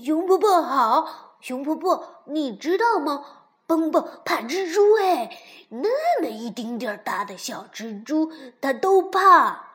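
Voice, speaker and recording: A woman's voice: sits high, animated, extremely slow, mellow, exaggerated voice. A woman voicing a cheeky male frog who talks in a teasing, playful, sing-song way. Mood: loud scolding.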